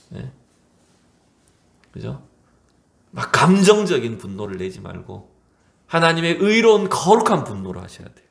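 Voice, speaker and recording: A man preaching a sermon with a very lively, swinging pitch. He keeps asking the congregation questions and answers them himself. Now and then he acts out short quotes. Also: gravelly. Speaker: pastor.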